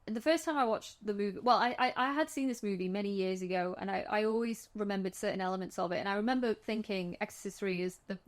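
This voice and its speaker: A woman co-hosts a relaxed film chat with a middling pitch. She walks through scenes in a chatty, animated way. She often restarts her sentences as she goes. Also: quick pace, few pauses. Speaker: podcast co-host. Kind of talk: casual film discussion.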